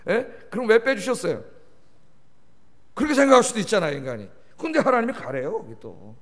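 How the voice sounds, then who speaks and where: A man preaching as a pastor at a midweek service, animated and often prompting the congregation for a response. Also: high voice, fairly quick. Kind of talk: sermon. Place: large church sanctuary. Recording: long reverb of a large church hall.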